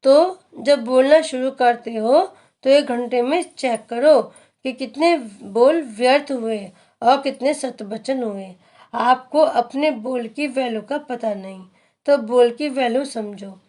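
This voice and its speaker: A woman reading a daily spiritual discourse aloud in a measured, earnest, instructive way. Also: sits high, darkish tone. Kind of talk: slow devotional reading.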